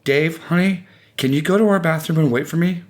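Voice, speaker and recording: Frantic young mother and wife, read by a man in an audiobook, pitched well up, anxious and pleading. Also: brisk, natural voice. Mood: worried coaxing.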